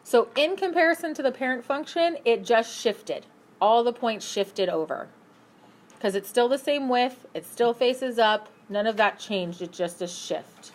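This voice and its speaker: A woman teaching a math class, brisk and upbeat, asking her students questions as she works through problems. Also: on the high side, animated. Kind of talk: classroom lesson.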